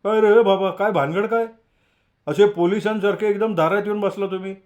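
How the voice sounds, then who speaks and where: A man voicing an outspoken, teasing young college man who talks loud and lively. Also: on the high side, moderate pace, dull audio, voice pushed up, lightly acted.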